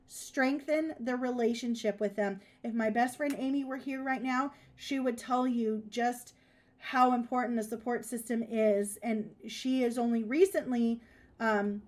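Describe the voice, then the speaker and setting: A woman's voice: sits high, fairly bright tone. A woman co-hosting a casual chat show, giving emphatic advice and repeating her key points. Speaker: podcast co-host.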